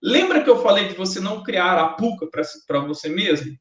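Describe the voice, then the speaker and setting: A man's voice: sits high, animated, a little fast, a bit bright. A man with a Brazilian Portuguese accent giving a university classroom lecture, chatty and joking with students. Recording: echoey classroom recording.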